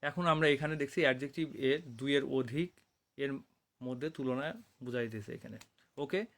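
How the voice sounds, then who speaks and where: A man from Bangladesh, a college English lecturer, explaining grammar to students in Bengali mixed with English terms, repeating key phrases, correcting himself often and reading definitions out slowly. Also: mid-range voice, a bit bright. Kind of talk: classroom grammar lecture over slides.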